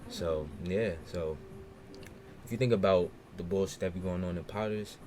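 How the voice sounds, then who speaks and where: A young man talks through family and local history in a relaxed, slang-filled podcast chat. His voice sits very low. There is clear room noise behind him. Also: normal speed. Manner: laid-back slang-heavy storytelling. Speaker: podcast co-host. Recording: noisy room ambience.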